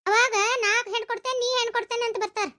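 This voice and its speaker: A woman's voice: extremely high pitch, fairly even intonation, very fast, pushed and bright. A woman voicing gossipy, teasing middle-aged village women in a comedy cartoon, with a North Karnataka Kannada accent. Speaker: cartoon voice actor.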